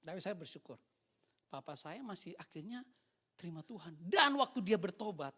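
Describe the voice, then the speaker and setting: A man's voice: high voice, expressive, moderate pace, pushed and bright, breathy edge. A man, a pastor preaching a sermon in a church service and telling his own story, with English words mixed into his talk. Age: 50s. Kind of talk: sermon with personal testimony.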